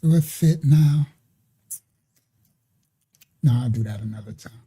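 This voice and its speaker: An online ministry host delivers loose, casual commentary over video clips, repeatedly adding "right?" and "you understand?" to her sentences. The voice is medium-pitched, a little slow, and dark, with a breathy edge.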